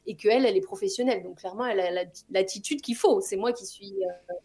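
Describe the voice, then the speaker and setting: A young woman from France, a podcast guest, telling a personal story in a lively, colloquial way with many fillers. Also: medium pitch, fast talker, husky.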